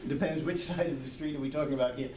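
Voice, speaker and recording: This man, a literary translator in his sixties, speaks very fast in a mid-range voice, though his manner is thoughtful and hesitant as he searches for words during an informal book club discussion. A loud crowd can be heard. He's in a large indoor hall with a small group in a circle, recorded by a camera a few metres away, so the audio is echoey and distant with background noise.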